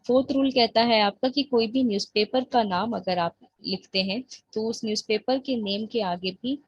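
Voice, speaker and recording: A woman teaching an English grammar lesson, explaining patiently and reading example sentences slowly. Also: a little high, slightly rough, dry recording, highs cut off. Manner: patient, explains slowly, checks in with the listener often.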